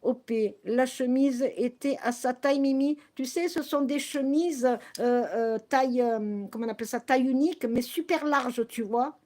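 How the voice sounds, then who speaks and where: A woman's voice: sits high, moderate pace, hardly any pauses, darkish tone. A woman ranting to her viewers on a live stream, angry and accusing, often stumbling and restarting her sentences.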